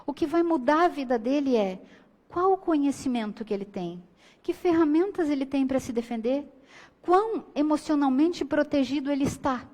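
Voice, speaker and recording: A woman's voice: sits high, animated, normal speed, warm tone. A woman giving an earnest spiritist lecture, acting out the voices she quotes. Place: lecture hall. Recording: long hall reverb.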